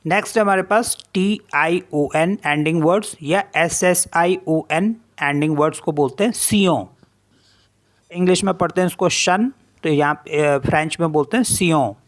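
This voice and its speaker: A teacher giving a French pronunciation lesson, spelling each word letter by letter and then repeating how it is read. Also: mid-range voice. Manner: slow, deliberate explanation. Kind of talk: online language lesson.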